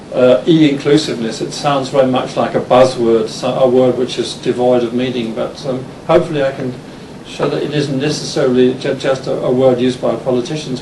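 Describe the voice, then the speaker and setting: A man in his fifties from Denmark with an English accent, giving a lecture in a halting manner with frequent restarts. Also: mid-range voice. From Denmark, born in England. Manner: halting, many restarts and fillers. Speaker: university lecturer giving a talk. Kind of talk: conference lecture. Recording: roomy, distant, noisy hall recording.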